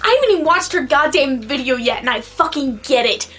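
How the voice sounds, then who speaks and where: A woman's voice: sits high, lively intonation, a little fast, fairly bright tone, faint music behind. A tipsy woman vlogger giving a casual, sweary review in a rambling, exclamatory way, stretching out stressed words. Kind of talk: casual, profane video review.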